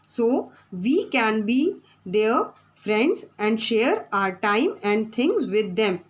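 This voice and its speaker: A woman's voice: on the high side, big pitch swings, slow, rough recording. A woman teacher, giving a classroom lesson from the textbook, repeating her points and spelling out words.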